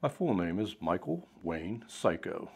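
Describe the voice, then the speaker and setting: A man in his sixties from Pennsylvania, recalling his life in a relaxed, rambling way in a documentary interview. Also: low-pitched, unhurried, husky. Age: 60s.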